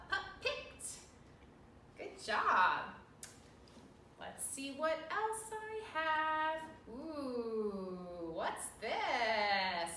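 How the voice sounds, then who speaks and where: A high, animated woman's voice teaches preschoolers in a sing-song way, slowly sounding out words and encouraging with questions. She is a little off the mic in a roomy space with faint noise. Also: recorded from a distance. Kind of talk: virtual lesson for small children.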